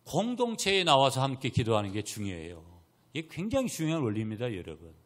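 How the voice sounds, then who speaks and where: Lively, emphatic middle-aged preacher man. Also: medium pitch, quick pace. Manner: emphatic, addresses the congregation directly. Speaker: senior pastor. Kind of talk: sermon.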